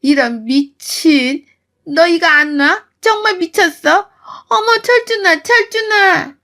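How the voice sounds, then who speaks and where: A woman voicing a harsh, scolding mother-in-law in a storytelling narration, raising her voice into shrill insults. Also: lively intonation, unhurried, a bit bright, exaggerated voice. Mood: shrieking. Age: older. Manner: shrieking, insulting, cutting.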